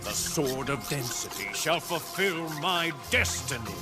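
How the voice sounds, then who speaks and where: A man's voice: fairly high pitch, very animated, measured pace, over loud music. An actor voicing a theatrical, menacing evil mastermind in a cartoon, gloating as he talks. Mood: grandiose, irritated.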